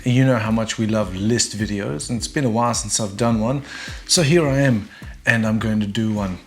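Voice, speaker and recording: A man's voice: lowish voice, moderate pace. Chatty, wry man reviewing colognes. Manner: chatty, wry and self-deprecating. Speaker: fragrance reviewer. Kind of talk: casual video review.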